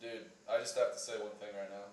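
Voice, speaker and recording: A man's voice: on the low side, fairly even intonation, quick pace, a little mellow, a little hiss or hum. A man co-hosting a casual podcast, easygoing and agreeable, with short remarks. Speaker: podcast co-host. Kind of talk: casual chat. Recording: roomy echo, a bit far from the mic.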